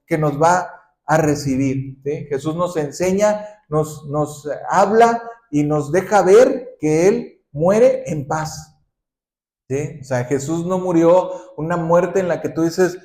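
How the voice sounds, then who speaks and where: A man pastor preaching a sermon, often asking the congregation questions and ending points with a quick "¿sí?". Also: fairly high pitch, mellow. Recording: roomy echoing hall.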